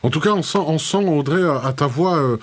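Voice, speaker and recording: A man's voice: on the high side, brisk, a crowd in the background. A man casually hosting a live call-in show, chatty, often repeating words as he goes.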